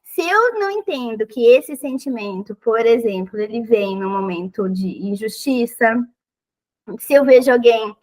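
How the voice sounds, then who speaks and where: A woman with a thin, high voice, talking casually and expressively as a podcast guest and acting out little quoted exchanges. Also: expressive, normal speed, darkish tone, low-quality recording. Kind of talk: casual conversational advice.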